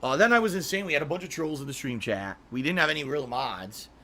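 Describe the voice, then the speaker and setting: A middle-aged man chatting casually on a livestream, reading viewer messages, rambling with frequent restarts and throat clearing. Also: on the high side, expressive, quick pace, sharp tone. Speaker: streamer.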